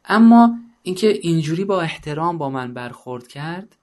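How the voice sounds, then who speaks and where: A man puts on a calm woman speaking earnestly and gratefully about a kind elder she once met. Her voice sits a little high, and her manner stays reflective throughout. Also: natural voice.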